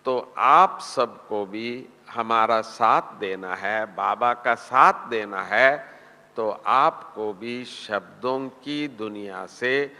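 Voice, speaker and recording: A man delivers a spiritual discourse at an unhurried, deliberate pace. His voice has a bright, forward edge, and each phrase trails into the long reverb of a large hall. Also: medium pitch. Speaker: spiritual teacher.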